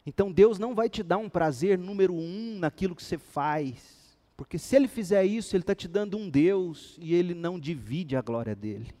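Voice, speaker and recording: A male pastor preaching a sermon with animated storytelling, acting out the dialogue in his stories. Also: sits high, normal speed.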